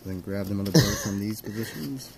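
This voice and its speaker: Low-voiced man explaining console repair. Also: fairly quick, vocal fry. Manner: explanatory, rambling, self-correcting. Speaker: repair technician explaining hardware. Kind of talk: casual hands-on demonstration.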